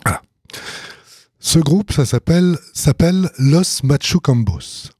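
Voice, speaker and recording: A man's voice: fairly high pitch, big pitch swings, takes it slowly, darkish tone, husky, no room sound, studio quality. A man hosting a radio show, introducing songs in a hesitant, amused way. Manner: hesitant and amused, many fillers and restarts. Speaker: radio host presenting songs. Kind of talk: casual on-air commentary.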